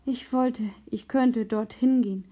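Woman reading a sick little boy, faint breathy voice, warm and soft, storybook. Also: fairly high pitch, fairly even intonation, measured pace. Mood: faint, pained. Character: sick young boy, weak and brave.

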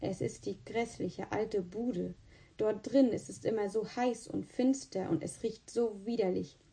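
A serious young boy from a storybook, musing quietly as he thinks things over, as a woman reading the tale takes his part. Her tone stays mellow and subdued. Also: mid-range voice, normal speed, natural voice.

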